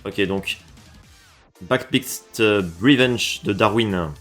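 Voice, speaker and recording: A lower-voiced man from France reacting to game levels in a casual streamer way. He drops into quiet mumbles, then jumps up loud and excited, swearing freely. Faint music plays under his voice. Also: slow. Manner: animated, swears and shifts from low mutters to excited outbursts.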